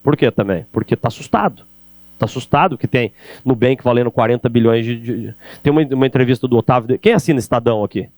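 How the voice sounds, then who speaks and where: A middle-aged man with a Brazilian Portuguese accent lectures on sales, lively and direct, often checking in with his listeners. His voice sits at an ordinary pitch for a man, and the recording is dry, with a faint mains hum underneath. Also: fast talker, no echo. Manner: animated, addresses audience directly with rhetorical questions. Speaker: keynote speaker on sales. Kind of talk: energetic business lecture. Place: event hall.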